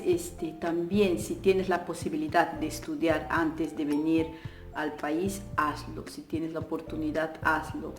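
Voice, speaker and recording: A young woman from Peru with a Peruvian Spanish accent gives chatty advice in a low voice, restarting her sentences and filling pauses. Her voice echoes around a bare room, and faint music plays behind her. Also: darkish tone. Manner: chatty, many fillers and restarts, laughs often. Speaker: vlogger. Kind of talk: casual advice vlog.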